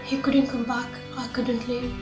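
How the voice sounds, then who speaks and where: A woman in her thirties from Yemen tells her story in plain, halting testimony. Her voice sits fairly high. Clear music plays behind her in an echoey space. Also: level tone. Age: 30s. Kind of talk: personal testimony.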